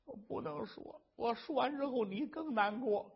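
A man's voice: very high voice, normal speed, slightly rough, voice pushed up, full character voice. A male storyteller voicing a grieving, ashamed young wife who pleads tearfully and breaks off mid-sentence. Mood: distraught. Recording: dull lo-fi recording.

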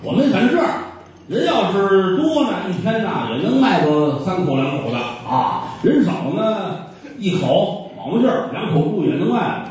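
A man's voice: high voice, big pitch swings, normal speed, a little mellow. A man playing a sly middle-aged male butcher who rambles glibly through a confession. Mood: wheedling. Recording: very echoey hall from far off.

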